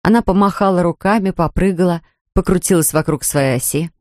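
A woman narrating an audiobook in an even storytelling manner. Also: on the low side, a little fast, dry recording, studio quality. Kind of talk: scripted narration.

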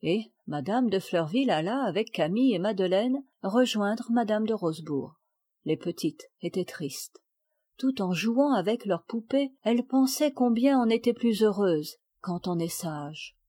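A woman reading an audiobook of a classic children's story in a steady, clear storytelling manner. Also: medium pitch, unhurried, dry recording, clean studio sound. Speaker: audiobook reader. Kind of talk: scripted narration.

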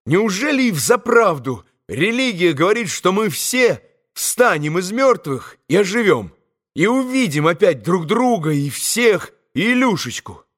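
A man voicing an excited teenage boy in an audiobook, exclaiming loudly and eagerly. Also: high voice, unhurried, pitched above the performer's own voice, full character voice. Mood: eager wonder. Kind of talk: audiobook character reading.

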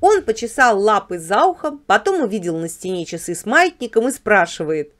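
A woman reading a children's story aloud. Her pitch moves widely and lively through the narration, at an average height for a woman. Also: moderate pace. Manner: lively, expressive telling.

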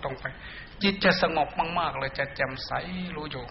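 A man's voice: medium pitch, normal speed, creaky. A male Buddhist monk giving a meditation dharma talk to monks and laypeople, blunt and colloquial, at times scolding and chanting Pali verses. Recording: muffled echoey hall recording, faint hiss.

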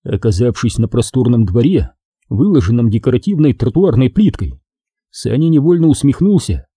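A male audiobook narrator reads a story expressively. His voice is dark and husky, with lively swings of pitch. The recording is dry, with no room sound at all. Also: moderate pace, no echo. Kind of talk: scripted narration.

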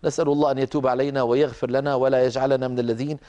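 A man teaching Quran recitation rules, explaining grammar and pronunciation and demonstrating each sound slowly. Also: mid-range voice, little pitch movement, dark tone, muffled recording. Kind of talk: tajweed lesson with live correction.

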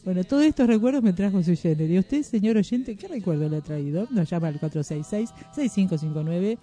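A man with an Argentine accent hosts a radio show in a casual, joking way, and his voice sits high for a man yet sounds very dark and mellow. Soft music plays faintly behind him. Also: animated, brisk. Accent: Argentine Spanish. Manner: chatty, jokey, nostalgic asides to listeners. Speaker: radio host.

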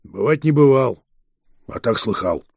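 A man's voice: mid-range voice, expressive, unhurried, gravelly, a little mellow, dry recording, clean studio sound. A man voicing a sullen, frightened peasant ex-convict, who mutters and grumbles and sometimes drops to a whisper. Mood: muttering. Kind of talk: audiobook character reading.

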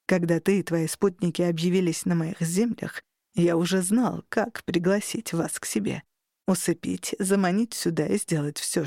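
A woman reading an audiobook voices a scheming male incubus who hisses his lines low and menacing. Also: vocal fry, mellow, no echo, studio quality.

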